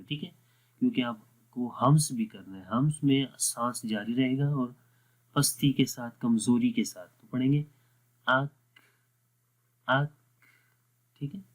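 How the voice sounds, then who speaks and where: Slow, patient male Quran teacher. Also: medium pitch, poor audio. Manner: patient, repeats letter sounds slowly and deliberately. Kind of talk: slow explanatory lesson with drawn-out recited examples.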